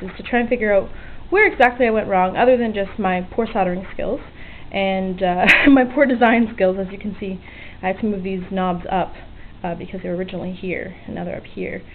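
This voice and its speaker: Speaking at a medium pitch, fairly quickly and with hardly any pauses, a woman vlogger walks through her electronics project in an informal, self-deprecating, slightly sweary way, unscripted. Her handheld camera's built-in mic produces tinny, band-limited audio with hiss. Faint outdoor weather drifts in through the open window of her small home work area.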